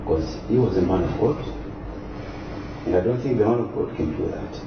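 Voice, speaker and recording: A very low-voiced man answers questions haltingly, filling gaps with "like" and "uh". He is recorded from a distance in a roomy, echoey space. Loud background noise sits behind him on a dull, lo-fi track. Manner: hesitant, many fillers. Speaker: interviewee. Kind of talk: interview.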